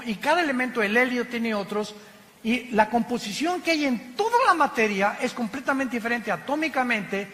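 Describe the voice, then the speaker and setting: Man, pastor, high voice, impassioned sermon, long reverb. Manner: impassioned preaching with sudden loud exclamations.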